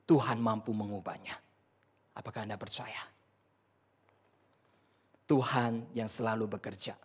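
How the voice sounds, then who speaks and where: A man preaching a sermon, telling stories and swinging dramatically between loud and hushed delivery. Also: on the low side, steady tone, a little slow, slightly rough. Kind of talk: sermon with storytelling.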